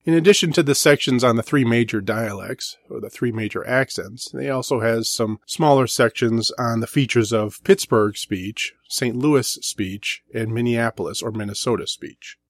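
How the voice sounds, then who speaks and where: Brief: man with an Inland North accent, even mid-pitched voice, measured book-review read. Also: dry recording, studio quality. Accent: Inland North American. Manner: measured, slows down to sound out example words.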